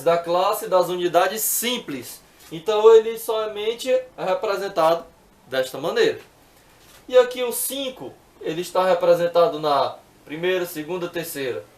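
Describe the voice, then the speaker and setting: A man's voice: high-pitched, echoey room. A man teaching math, working through exercises patiently step by step and often checking in with the viewer.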